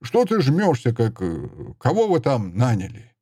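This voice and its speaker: A man reading an audiobook voices a seventy-year-old mischievous drunk carpenter with a creaky, querulous, nagging voice. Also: mid-range voice, huge pitch swings, a little slow, mellow, dry recording, clean studio sound, full character voice. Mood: suspicious, pushy. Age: 70s. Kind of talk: audiobook character voice.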